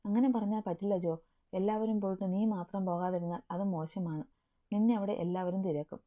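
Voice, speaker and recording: A woman's voice: medium pitch, fairly even intonation, fairly quick, lightly acted. A caring young wife in a spoken story, coaxing and playful, as a woman reader puts her on. The lines come through a thin, tinny band like a phone line. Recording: narrow phone-like sound.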